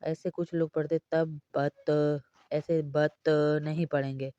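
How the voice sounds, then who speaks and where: A woman teaching Quran recitation word by word, drawing out each word slowly and then explaining quickly. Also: low-pitched, fairly even intonation, mellow, dry recording, dull audio. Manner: slow drawn-out recitation alternating with rapid explanations.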